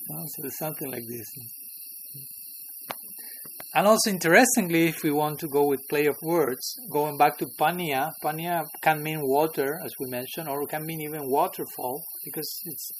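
Brief: man with a slightly high voice teaching scripture, chuckly, asks the room questions, faint hiss behind. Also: unhurried, long pauses, rough recording. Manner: chuckling, checks in with listeners. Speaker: spiritual teacher. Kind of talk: scripture class.

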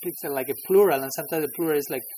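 A man's voice: a little high, rapid-fire, dark tone, slight background noise, rough recording. Chuckling man teaching a scripture class. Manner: chuckling, checks in with listeners. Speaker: spiritual teacher.

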